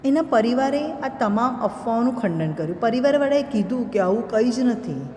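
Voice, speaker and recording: A woman teacher with a mellow, dark voice walks students through a story, expressive and drawn out on the moments she wants to land. She sounds like she is in a bare room with a long, ringing echo. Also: fairly high pitch, a little hiss or hum. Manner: expressive storytelling, slows down for emphasis. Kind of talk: explaining a school literature lesson. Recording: echoey room with long reverb.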